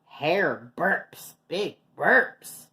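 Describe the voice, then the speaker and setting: A woman reads a children's picture book aloud as storyteller. She takes each line very slowly and makes her voice rise and fall a great deal in pitch. Her delivery is playful and highly expressive, in a storybook manner.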